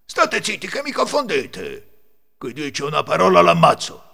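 A man's voice: a little high, huge pitch swings, unhurried, vocal fry, sharp tone, big-room sound, voice pushed up, heavily acted. A man voicing bad-tempered male thieves, raised and menacing, in a storytelling reading. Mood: threatening.

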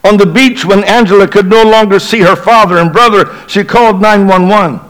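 On Christmas Eve, a middle-aged bishop delivers a sermon and tells a story with dramatic flair, dropping to a quiet, low voice whenever the tension rises. He speaks briskly, and the recording quality is poor.

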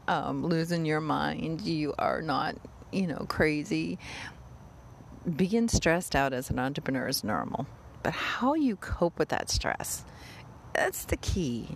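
Lower-voiced woman hosting a motivational podcast. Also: slight background noise. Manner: direct, conversational address to listeners. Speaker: podcast host.

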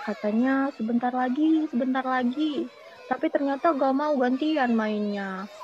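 A woman's voice: high voice, a little slow. A woman voicing a stubborn young girl who pleads and complains, in a children's cartoon drama. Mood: sulky. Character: young girl wanting her turn, stubborn. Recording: dull lo-fi recording.

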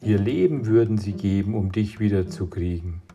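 A man's voice: fairly low pitch, normal speed, over music, close to an everyday voice. A man reading aloud as a teenage boy who leads his friends, urging and reassuring.

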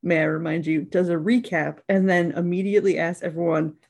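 A woman co-hosting a podcast, chatting casually about a tabletop game show and acting out the players in high voices. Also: steady tone, fairly quick, gravelly, a little mellow. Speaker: podcast co-host. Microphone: podcast mic.

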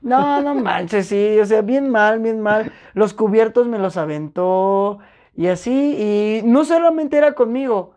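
On a podcast, a young Mexican woman from Puebla tells a story in a lively, slangy way, imitating what other people said. She speaks at a fairly high pitch and a little slowly.

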